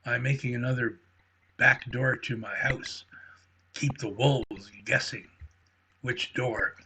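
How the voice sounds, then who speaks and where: A man's voice: mid-range voice, steady tone, slow pace, sharp tone, a little hiss or hum, rough recording. A man voicing a practical, matter-of-fact male badger in a bedtime story.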